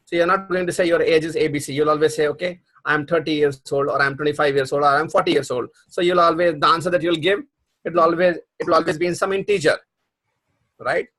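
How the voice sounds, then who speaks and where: Explaining concepts to a live online class by video call, the middle-aged programming instructor talks at a quick pace. His voice is a little high and fairly bright, with fairly even intonation. He's patient but repeats himself, restarts frequently and leans on fillers.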